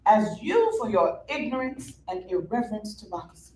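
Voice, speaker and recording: A man's voice: high voice, big pitch swings, brisk, a little mellow, slight background noise. An actor playing a sly, mocking young male god in a stage reading, teasing with witty wordplay. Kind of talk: stage reading of a musical play. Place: theater stage. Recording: roomy echo from a distant mic.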